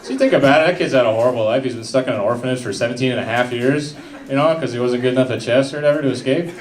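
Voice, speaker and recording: A young man doing a stand-up comedy set with a deadpan, mumbling delivery. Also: mid-range voice, racing. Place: comedy club stage with a live audience. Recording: echoey room with background noise.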